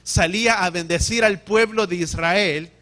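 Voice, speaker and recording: Male preacher, high voice, teaching sermon, questions to the congregation. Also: a little slow, pushed and bright. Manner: teaching, asks the congregation questions, restarts and corrects himself.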